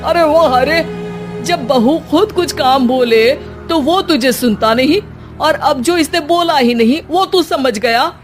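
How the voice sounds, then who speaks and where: Female performer as bickering mother-in-law, family cartoon: raised pitch, cranky scolding, faint music underneath. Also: measured pace. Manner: scolding, complaining.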